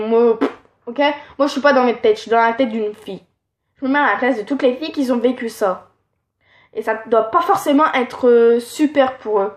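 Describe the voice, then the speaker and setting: In an echoey room, a teenage girl with a high-pitched voice, nasal and stuffed-up from allergies, gives frank relationship advice. Her casual monologue rambles and is packed with fillers.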